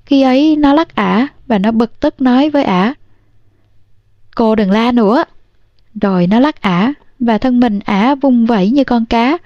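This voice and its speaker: A woman narrates a novel in a calm, measured way. Her voice sits slightly high. The recording is dull and dry, with no room sound. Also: no room sound. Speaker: audiobook narrator. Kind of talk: storybook narration.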